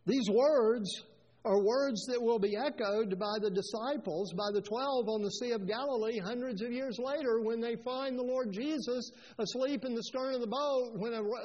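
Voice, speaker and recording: A man's voice: very high-pitched, darkish tone, dull audio. A male pastor preaching a sermon, earnest and building to fervent moments. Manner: earnest preaching, rises to fervent scripture quotes.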